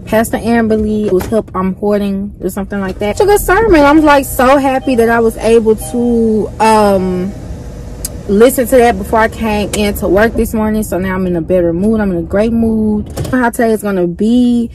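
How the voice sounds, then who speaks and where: A woman's voice: medium pitch, moderate pace, darkish tone, rough recording. A young woman vlogs from a parked car. She talks in a candid, chatty way and sprinkles "like" through her sentences. The camera is mounted near the dashboard, with faint ambient noise around her. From Memphis, USA. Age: young adult. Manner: chatty and candid, with frequent "like" fillers. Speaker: vlogger. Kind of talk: casual vlog chat.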